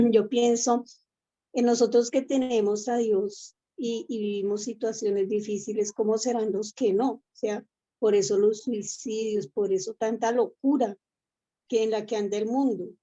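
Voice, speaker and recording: A woman's voice: on the high side, steady tone, a little slow, mellow, dull audio. A woman from the congregation giving a casual testimony, chatty and laughing between thoughts. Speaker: congregation member. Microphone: online meeting.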